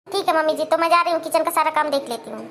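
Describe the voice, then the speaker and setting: A woman voicing a hardworking elder daughter-in-law in a cartoon, polite and gently teasing. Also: sits high, very fast. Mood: dutiful. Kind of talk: cartoon voice acting.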